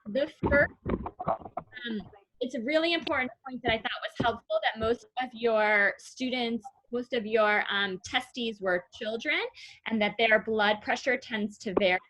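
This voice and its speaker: A woman's voice: on the high side, a little slow, fairly bright tone, slight background noise, rough recording. A woman teacher hosting a virtual class over a video call, asking probing, encouraging questions with some hesitant fillers.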